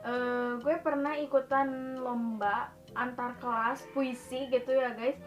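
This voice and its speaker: A woman's voice: sits high, steady tone, takes it slowly, faint music behind. A young woman chatting casually to camera as a vlogger, slangy and talkative, often laughing and calling her viewers guys.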